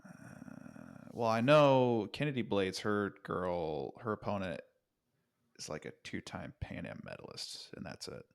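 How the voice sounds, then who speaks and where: Male podcast co-host, low-pitched, easygoing and opinionated. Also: wildly swooping pitch, measured pace, vocal fry. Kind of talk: casual sports podcast chat.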